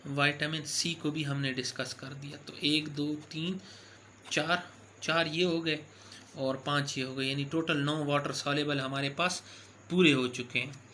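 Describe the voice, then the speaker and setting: A man's voice: a little high, bright, forceful tone, a little hiss or hum. A man giving a recorded medical lecture, explaining step by step with frequent fillers and self-corrections.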